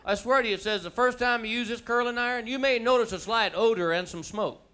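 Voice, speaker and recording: With a very high, pushed, bright voice and a fast pace, a thirtysomething comedian from Texas works a live theater crowd through a handheld mic. He tells drawling stories in his Texan accent, breaking into goofy character voices as the audience laughs. There's slight background noise.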